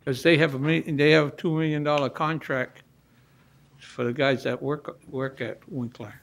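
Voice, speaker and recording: A man's voice: a little high, fairly even intonation, moderate pace, gravelly, a bit bright. A man speaking as an alderman in council debate, asking questions in a folksy, plain-spoken way.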